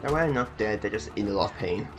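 A man's voice: on the low side, expressive, quick pace, a bit bright, soft background music. A man casually commentating on a video game in a joking, chatty way. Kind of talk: casual let's-play commentary.

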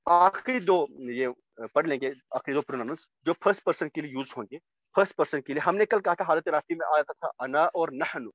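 A man's voice: a little high, fairly bright tone, no room sound, highs cut off. A man teaching an online Arabic grammar lecture, explaining step by step and often checking that his students follow. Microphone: computer mic on a video call.

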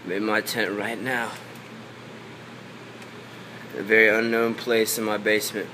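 Young male vlogger, unhurried and offhand, phone held at arm's length, faint noise behind. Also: fairly low pitch. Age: young adult. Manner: relaxed, slow and offhand. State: sick. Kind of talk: casual travel vlog. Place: car, campsite and tent.

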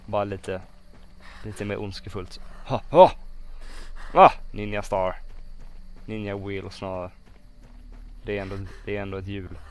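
Excitable young man commenting on a game. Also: on the low side, long pauses, clean tone. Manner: excitable, talks to himself, pleading and exclaiming. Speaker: gaming video host. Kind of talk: casual let's-play commentary.

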